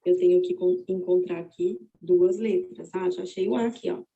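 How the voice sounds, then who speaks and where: A Brazilian woman teaching, walking slowly and methodically through a braille word activity and thinking aloud as she searches. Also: on the low side, mellow, highs cut off. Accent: Brazilian Portuguese. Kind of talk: step-by-step spoken demonstration.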